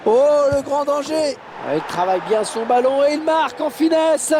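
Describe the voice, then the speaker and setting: A man commentating on a football match in an excited play-by-play style, his voice rising at chances and goals. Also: fairly high pitch, moderate pace, noisy background, lightly acted. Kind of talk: excited goal-call sports commentary.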